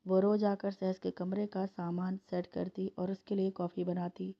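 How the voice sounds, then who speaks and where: A woman reading a family story aloud in a plain, steady way. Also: mid-range voice, normal speed, gravelly. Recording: dull lo-fi recording.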